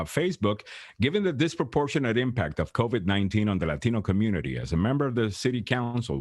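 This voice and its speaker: A male moderator formally introducing candidates and reading out questions at a forum. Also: on the low side. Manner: measured, formal.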